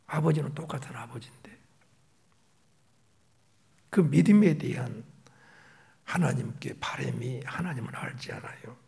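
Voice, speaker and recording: A middle-aged male pastor preaching a sermon, moving between raised emphatic phrases and soft whispered asides. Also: on the high side, vocal fry.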